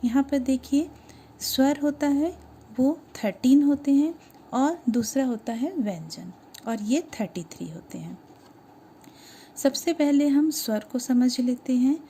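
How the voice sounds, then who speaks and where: Woman teacher going over grammar for kids, high voice but kinda dark and mellow, slows down to sound out letters. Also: animated, a little hiss or hum. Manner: explains step by step, asks questions then answers them. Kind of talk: grammar lesson for schoolchildren.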